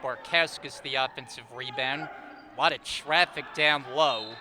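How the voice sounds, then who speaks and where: A man in his thirties calling live basketball play-by-play, brisk and rising on big plays. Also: mid-range voice, crowd noise. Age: 30s. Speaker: play-by-play commentator. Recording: noisy gym background.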